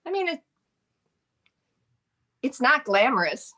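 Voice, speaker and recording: Speaking slowly in a high, very animated voice, a woman in her forties comes across bright and forceful. She owns a modeling agency, hails from Michigan, and rambles cheerfully with frequent laughs as a casual interview guest.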